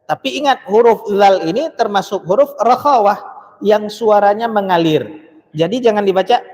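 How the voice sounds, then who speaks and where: A man's voice: high voice, a little mellow. Man teaching Quran recitation in reverberant mosque. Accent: Indonesian. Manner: alternates slow chanted Arabic verses with brisk explaining; demonstrates sounds by repeating syllables.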